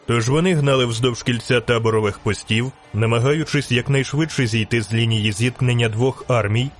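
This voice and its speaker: A man reading a fantasy novel aloud in steady, scripted audiobook narration. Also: medium pitch.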